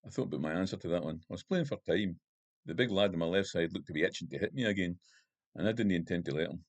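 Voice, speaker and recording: A man with a low, deep voice reads his own first-person crime novel aloud. He narrates at a steady, measured pace. The sound is dry and close, with no room echo. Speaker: author reading his novel.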